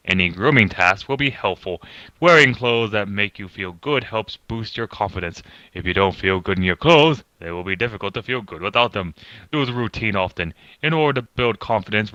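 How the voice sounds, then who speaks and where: A man's voice: on the low side, pushed and bright, no echo. A man putting on a pompous British reader. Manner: pompous, with crude asides. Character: pompous British male narrator reading aloud. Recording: dull lo-fi dry sound.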